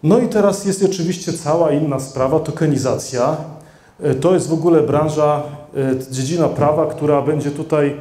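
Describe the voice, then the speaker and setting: A middle-aged man gives a conference presentation into a handheld microphone, addressing a seated audience in a hall with roomy echo. His fairly high, dark-toned voice moves at normal speed, though he's hesitant, with many fillers and restarts.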